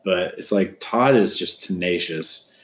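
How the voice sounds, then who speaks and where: A man's voice: low-pitched, unhurried, a bit bright, reverberant. A man in his thirties co-hosting a casual sports podcast, rambling and restarting his sentences. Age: 30s. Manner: rambling, repeats words, many restarts. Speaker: podcast co-host.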